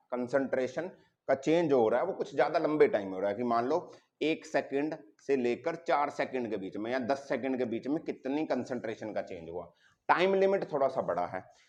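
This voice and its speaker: Male coaching-class tutor, mid pitch, Hinglish, explains step by step and keeps checking understanding. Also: darkish tone. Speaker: chemistry tutor. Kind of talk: classroom lecture at a board.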